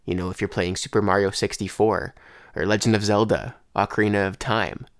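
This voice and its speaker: Young male podcast host, stuffed-up and congested, low-pitched and close and dry, rambling solo talk. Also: little pitch movement, fairly quick, no room sound. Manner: rambling, conversational, with restarts. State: congested throat and head. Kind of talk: casual solo monologue.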